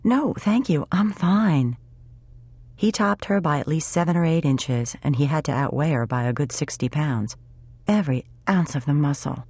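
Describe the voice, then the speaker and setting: A woman narrates a contemporary romance audiobook in an even, measured way. Her voice sits very low. The recording is close and dry, with no room sound. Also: dry recording.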